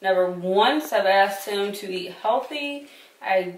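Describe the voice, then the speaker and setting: A woman's voice: mid-range voice, lively intonation. A middle-aged woman from Michigan, a player's mother, speaking earnestly in a sit-down interview on a living room sofa. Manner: earnest, praising, measured. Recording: roomy, distant mic.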